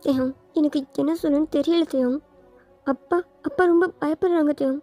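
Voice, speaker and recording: A woman voicing a caring older sister who reasons gently and persuasively, in a storybook fan fiction reading. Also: high-pitched, fairly even intonation, normal speed, faint music behind, close to an everyday voice.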